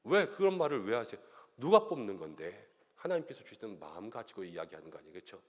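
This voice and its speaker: A middle-aged man preaching a sermon as pastor, animated and acting out little voices and quotes as he goes. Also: on the low side, fast. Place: church sanctuary. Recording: long church-hall reverb.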